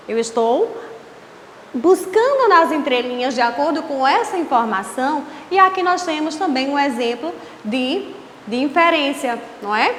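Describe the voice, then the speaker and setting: A Brazilian woman teacher giving an online class, explaining slowly and asking rhetorical questions. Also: high voice, a bit bright. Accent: Brazilian Portuguese. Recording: echoey room with faint hiss.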